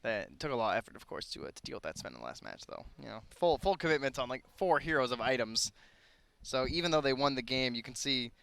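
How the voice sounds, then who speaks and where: A man's voice: medium pitch, big pitch swings, fast, gravelly, a bit bright, smooth. A man casting a video game tournament, talking through the draft in a chatty, analytical way and now and then joking around. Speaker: esports caster. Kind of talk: casual draft analysis commentary.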